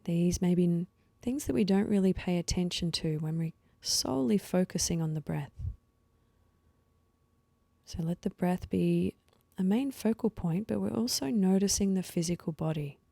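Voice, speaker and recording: This is a guided meditation led by a woman with a lowish, soft voice that turns breathy at times. She moves slowly through soothing directions, pausing between them, in an echo-free recording.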